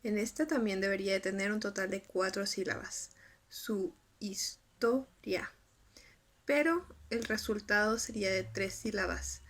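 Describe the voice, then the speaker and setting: A woman whose first language is Spanish, reading a scripted lesson and sounding out syllables slowly. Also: mid-range voice, a bit bright. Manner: reads carefully, spells out syllables slowly. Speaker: student presenter.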